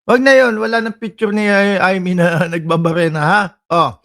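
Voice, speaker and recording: A Filipino man giving casual political commentary in an animated, mocking way. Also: high voice, normal speed, vocal fry. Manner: animated, mocking, shifts loud and soft.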